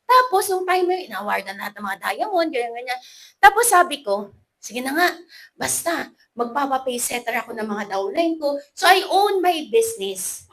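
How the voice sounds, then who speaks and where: Filipino woman, 30s, high bright voice, animated motivational speaker, playful. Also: normal speed, low-quality recording. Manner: lively, animated, playful, mixing English into Filipino. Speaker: motivational speaker at a business event. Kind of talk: motivational talk to an audience.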